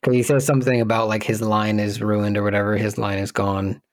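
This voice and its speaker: A man's voice: on the low side, little pitch movement, fairly quick, dry recording, clean studio sound. A man co-hosting a podcast, chatting casually about a film and thinking aloud as he searches for details. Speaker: podcast co-host.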